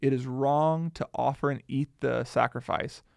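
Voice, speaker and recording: A man's voice: medium pitch, steady tone, normal speed, creaky, no echo, studio quality. A man co-hosting a podcast, explaining a Bible passage step by step in casual conversation. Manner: explanatory, laying out the text step by step. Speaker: podcast co-host. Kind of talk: casual Bible study chat.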